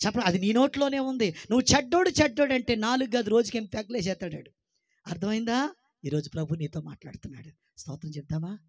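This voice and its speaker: Preaching quickly in a high voice, the pastor fires repeated rhetorical questions at his congregation, calls for praise, and pokes fun at his listeners with jokes. The sound is dry and clean, studio quality.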